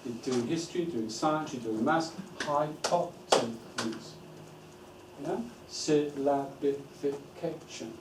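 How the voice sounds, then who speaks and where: A man training teaching assistants in a school room. He gives steady instructions and stretches words out syllable by syllable. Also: mid-range voice, fairly quick, few pauses. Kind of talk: training workshop talk. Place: school room with a live audience. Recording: echoey room from far off, noisy.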